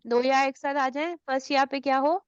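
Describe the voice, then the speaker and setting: A woman's voice: high-pitched, fairly even intonation, no echo. A woman teaching a tajweed class, explaining rules and often checking that the students follow, mixing two languages. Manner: checks understanding with frequent tag questions. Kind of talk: online class, mixing Urdu and English. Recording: dull lo-fi sound.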